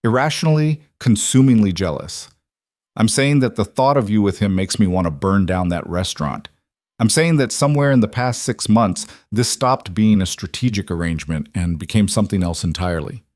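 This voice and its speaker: A controlling mafia husband holds his jealousy behind a tight, restrained delivery, voiced by a man narrating. His voice sits low and the sound is dry and close. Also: animated, moderate pace, darkish tone, no room sound, close to an everyday voice. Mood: raw.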